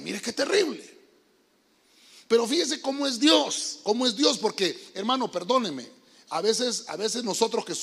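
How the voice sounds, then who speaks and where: A man's voice: high voice, creaky, fairly bright tone. A man preaching a youth sermon as pastor, emphatic and calling his listeners brother while quizzing them. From Honduras. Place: church sanctuary. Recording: long reverb of a church hall.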